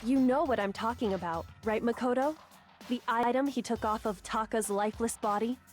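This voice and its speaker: A woman playing a composed, smug young woman in an anime mystery game, speaking deliberately. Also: a little high, a little mellow, faint music behind, lightly acted. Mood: smugly teasing. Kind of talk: anime video game dub acting.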